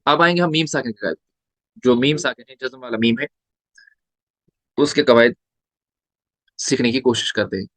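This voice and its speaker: A man's voice: medium pitch, moderate pace, pauses often, a bit bright, dry recording. A man teaching a tajweed lesson, spelling out letters and vowel marks one by one and asking and answering his own questions. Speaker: Quran recitation teacher.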